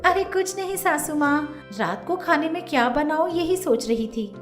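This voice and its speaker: A woman voicing a sharp-tongued young daughter-in-law who flares up quickly, speaking in a shrill, huffy way. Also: lively intonation, over music. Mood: sulky. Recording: roomy echo.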